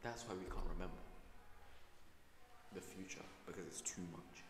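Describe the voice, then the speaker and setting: Teen guy rambling on a school podcast, lowish voice, big echoey room. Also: moderate pace, a little hiss or hum. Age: teens. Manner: rambling, restarts often, playful. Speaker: student podcast co-host. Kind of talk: casual chat. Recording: echoey room with long reverb.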